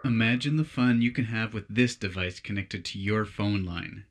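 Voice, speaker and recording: A man giving scripted narration for a product demonstration, in a clear, explanatory delivery. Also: on the low side, steady tone, moderate pace, poor audio.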